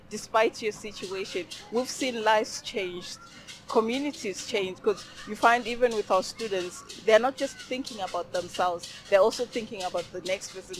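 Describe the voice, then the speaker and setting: A woman's voice: medium pitch, poor audio. A woman from Zimbabwe speaking for a charity at an outdoor event, thoughtful and hesitant, with many fillers. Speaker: charity representative.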